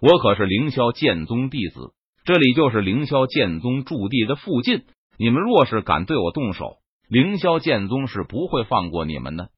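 A man's voice: medium pitch, very animated, moderate pace, slightly rough, no echo. A man voicing a wounded, defiant young swordsman warning his pursuers, in a dull, dry recording.

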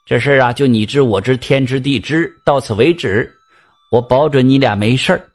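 A man's voice: mid-range voice, moderate pace, pitched below the performer's own voice, natural voice. A man doing a sly old swindler soothsayer. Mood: sly reassurance. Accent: Northeastern Mandarin. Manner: theatrical, switches from panicky wails to stern bluster. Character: sly old swindler fortune-teller, crafty fake soothsayer.

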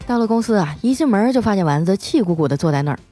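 A female host telling comic everyday stories in a chatty, lively way. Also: medium pitch, dry recording. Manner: lively, chatty, drawn-out particles. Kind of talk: comic storytelling. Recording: faint music bed.

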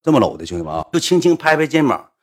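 Husky, fast-talking Northeastern Chinese man. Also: on the high side. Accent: Northeastern Mandarin. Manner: animated, acts out quoted voices. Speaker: storyteller. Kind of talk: casual storytelling chat.

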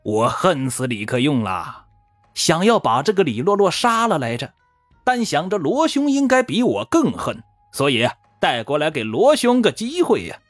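A smug, scheming warlord, as a man puts him on, gloating and teasing with a lively, sing-song lilt. It is recorded dry and close, with faint music underneath. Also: on the high side, moderate pace, no echo. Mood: sly.

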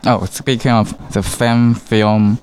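Man from China, low voice, very slow, halting questions. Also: fairly even intonation, a little mellow. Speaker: interviewer. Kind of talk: casual interview questions.

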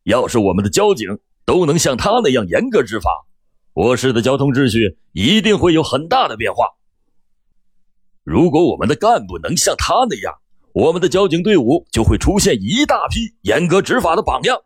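A man's voice: medium pitch, sing-song, normal speed, breathy edge, no room sound, studio quality. A man voicing a middle-aged male police bureau chief giving an emphatic formal speech. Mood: stern.

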